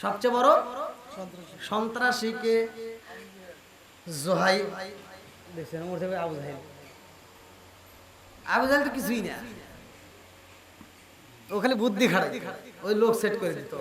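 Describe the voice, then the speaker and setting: A male preacher giving a sermon in a melodic style that swings between soft talk and sung shouts. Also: sits high, lively intonation, moderate pace, pauses often, a crowd in the background. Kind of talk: Islamic sermon at a religious gathering. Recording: echoey loudspeaker with music behind.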